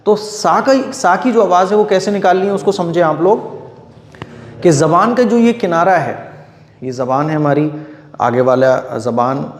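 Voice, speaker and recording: A middle-aged man gives a patient step-by-step lesson, drawing out each letter sound and repeating it. His voice sits a little high for a man. The recording is roomy, with a long reverb tail. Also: animated, moderate pace. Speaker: Quran reading teacher. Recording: echoey room with long reverb.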